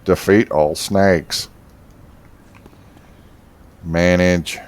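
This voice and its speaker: Male gamer in his 30s, deep and unhurried, rambling commentary with filler words. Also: steady tone. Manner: rambling, swears casually, frequent fillers and laughs. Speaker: streamer. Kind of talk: casual gameplay commentary.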